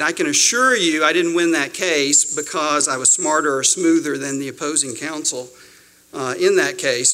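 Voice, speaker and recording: A man's voice: a little high, bright, forceful tone, poor audio. A middle-aged male attorney giving a conversational advice talk to young lawyers, emphatic with wry asides.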